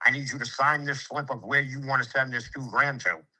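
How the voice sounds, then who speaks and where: A brash, streetwise man talks shop as a contractor. His voice is very bright and forceful, and he lectures with swearing and acted-out quotes. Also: mid-range voice, steady tone, a little fast, slightly rough, low-quality recording. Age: 50s. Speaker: home improvement contractor. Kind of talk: casual sales conversation.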